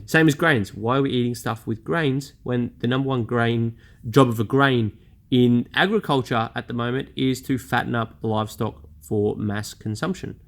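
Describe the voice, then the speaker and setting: A man in his 30s with a mid-range voice and vocal fry talks at a moderate pace. He's a vlogger delivering a candid monologue about his own experience, blunt, chatty, and self-deprecating in a casual way.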